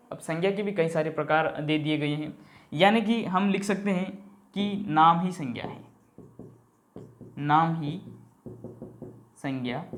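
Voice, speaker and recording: Male teacher quizzing his class. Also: sits high. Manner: asks the class questions and answers them himself; keeps checking in with "ठीक है". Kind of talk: exam-prep grammar lesson.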